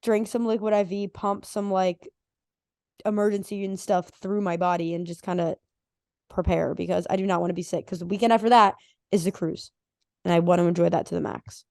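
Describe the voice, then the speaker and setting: A young woman in her twenties with a hoarse, worn-out voice, co-hosting a casual podcast chat and rambling with lots of fillers. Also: fairly low pitch, steady tone, a little fast, a little mellow, no room sound, clean studio sound. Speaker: podcast co-host.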